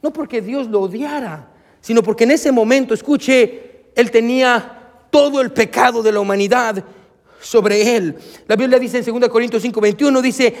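A man delivers an emphatic sermon, calling out to his congregation as he preaches. His voice sits very high for a man. A long church-hall reverb trails after his words. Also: moderate pace. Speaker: pastor.

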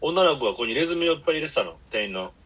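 Fast-talking husky man. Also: fairly high pitch, lively intonation, a bit bright. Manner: blunt, rambling storyteller. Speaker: podcast host. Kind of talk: casual chat.

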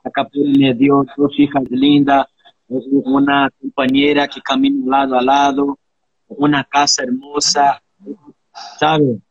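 A man's voice: medium pitch, completely flat delivery, a little slow, slightly rough, dry recording, dull audio. A man in his thirties from Brazil, talking earnestly and reflectively in a casual interview, often ending thoughts with a question. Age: 30s. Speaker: interviewee, capoeira practitioner.

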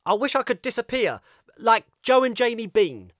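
A man voicing a sulky young boy who talks back quickly and defiantly. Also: very high-pitched, very animated, a bit bright, no echo, clean studio sound, voice pushed up, heavily acted.

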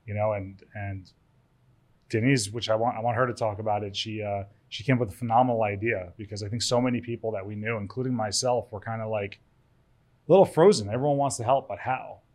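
A man's voice: fairly low pitch, steady tone, fast, a little mellow. A man from Cyprus, an event organizer, chatting casually on a podcast and often restarting his sentences. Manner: rambling, repeats words, laughs easily. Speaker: event organizer, studio owner.

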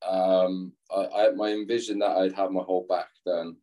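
His voice sits low and mellow, delivered flatly at a normal speed. The young former footballer from England rambles through a casual interview chat, laughing at himself often.

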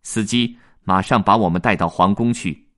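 A man voicing a calm, polite duck butler in a children's story, speaking in a soothing, steady way. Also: fairly low pitch, normal speed, natural voice.

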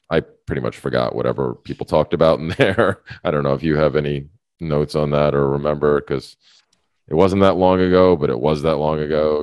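A man with a very low, deep, darkish voice co-hosts a casual podcast chat, rambling, restarting sentences, and laughing often. The recording is dry and close, without room echo.

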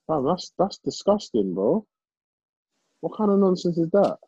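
A man's voice: on the high side, sing-song, measured pace, mellow, breathy edge. A young man with a London roadman accent, chatting casually in slangy, incredulous street banter. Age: young adult. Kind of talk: casual chat. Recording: muffled, roomy sound.

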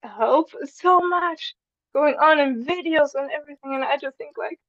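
Young woman, high voice, podcast guest, casual chat, run-on sentences, dull lo-fi audio. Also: normal speed, fairly bright tone, no room sound.

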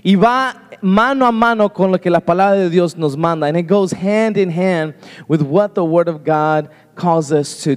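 A man pastor preaching a sermon in a church, lively and joking with the congregation. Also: high voice, long reverb tail. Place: church sanctuary.

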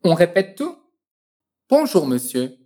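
A woman teaches French, coaxing the listener to repeat each phrase after her. Her voice is low and her intonation swoops lively. She drills each phrase slowly and precisely. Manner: encouraging, slow and precise drilling.

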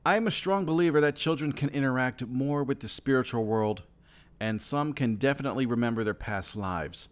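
A man's voice: medium pitch, a little fast. A man co-hosting a casual podcast and reading out listener stories in an easygoing way. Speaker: podcast co-host.

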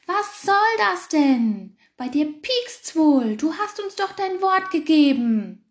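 A cross little porcupine, as a woman puts it on, scolding in a raised, indignant voice with a gravelly edge. It sounds like a storybook read in a roomy space. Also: sits high, lively intonation, takes it slowly, darkish tone, voice pushed up, heavily acted. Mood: furious. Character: grumpy cold little porcupine, easily angered.

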